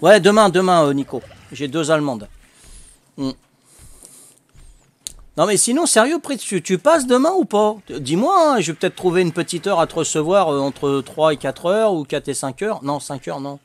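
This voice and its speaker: A man's voice: fairly high pitch, sing-song, normal speed. Jovial older man chatting on a game stream. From Corsica. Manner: jovial, laughs often, chatty filler "hein". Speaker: livestreaming gamer. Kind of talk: casual livestream chat with viewers.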